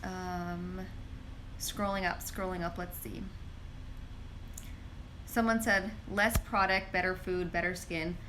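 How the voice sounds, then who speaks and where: Speaking slowly with frequent pauses, a woman pharmacist answers questions from viewers in a laid-back live stream, reading them aloud and saying "like" often in her chatty way. Her voice is on the low side and steady. The handheld phone recording has a noisy background.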